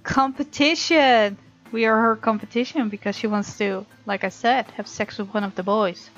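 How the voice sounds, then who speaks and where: The woman's voice is fairly high and fairly bright, with fairly even intonation and a normal speed. She's a let's play host reading game text aloud and casually reacting to the plot. Game music plays under her muffled, lo-fi recording.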